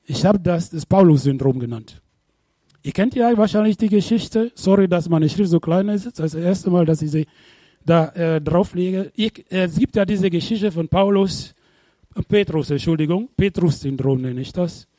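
A man preaching a sermon, animated, firing rhetorical questions at the congregation and sometimes bursting into shouts. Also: sits high, normal speed, no room sound, studio quality. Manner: bursts into shouts when retelling.

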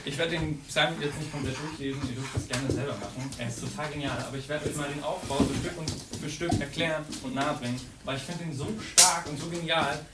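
A young man from Saxony giving an informal, earnest sermon, acting out the psalm's lines with feeling. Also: on the high side. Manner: earnest, animated, acts out psalm voices. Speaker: preacher. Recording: echoey room, distant mic, noisy.

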